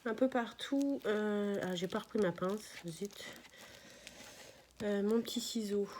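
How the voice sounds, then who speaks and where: Over a little background noise, a middle-aged crafts host walks viewers through her project one step at a time. Her mid-range voice has a darkish tone, and she chats as she works, describing every move and frequently saying sorry.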